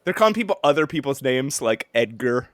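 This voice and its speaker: A man's voice: mid-range voice, sing-song, a little fast, no echo, studio quality. A man co-hosting a podcast in casual chat, rambling with lots of "like" and restarts. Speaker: podcast co-host. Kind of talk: casual comic-book chat.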